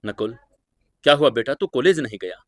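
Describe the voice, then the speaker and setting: A man's voice: medium pitch, lively intonation, moderate pace, dry recording, clean studio sound, natural voice. A man voicing a grieving, frantic mother. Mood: panicked. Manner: tearful, pleading, hushed.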